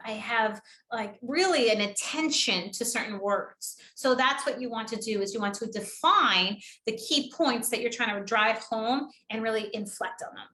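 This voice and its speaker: A woman from New England coaching professionals on public speaking. Her voice is fairly high and tense, with a lively, demonstrative delivery that keeps checking in with the listeners. It is recorded in an echoey room. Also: normal speed, few pauses. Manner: lively, demonstrative, with frequent "right?" and "okay?" check-ins. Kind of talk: training webinar presentation.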